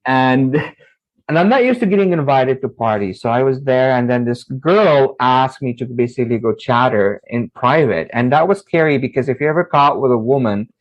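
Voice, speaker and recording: A man tells his own story as an interview guest, and he grows animated and laughs easily. His voice sits at a middle pitch. The recording sounds a little dull and lo-fi. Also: moderate pace. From Saudi Arabia.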